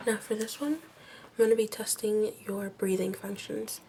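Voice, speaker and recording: A woman whispering softly and gently through a doctor exam roleplay, reassuring and close to the mic. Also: mid-range voice, a little slow. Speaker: ASMR creator playing a doctor. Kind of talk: ASMR medical exam roleplay. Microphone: close microphone. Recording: noisy close-mic recording with clicks.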